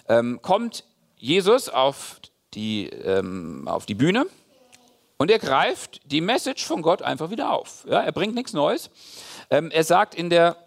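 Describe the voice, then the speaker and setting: Animated high-voiced male preacher. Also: creaky. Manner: animated, addresses listeners directly with frequent fillers. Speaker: pastor. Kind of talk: sermon.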